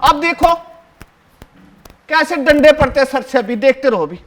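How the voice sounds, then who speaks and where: Speaking in an extremely high, animated voice at normal speed, a male actor performs a solo stage play as a talkative seventh grader, talking directly to the audience. The boy comes across as bossy and tattling, as well as chatty. He keeps shushing and ordering his classmates around and fawns over the teacher with constant "sir"s.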